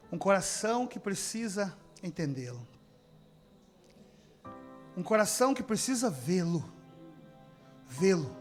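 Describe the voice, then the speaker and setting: A man from preaching a sermon as pastor, calling out to the congregation and swinging from shouting to near-whispering. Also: fairly high pitch. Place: church service.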